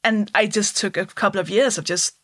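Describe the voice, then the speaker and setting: A woman's voice: mid-range voice, steady tone, brisk, bright, forceful tone, no room sound, studio quality. A Danish-born comedian in her thirties, chatting candidly in an interview, laughing often and putting on voices to make a point. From Denmark. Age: 30s. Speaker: comedian guest. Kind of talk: casual interview chat.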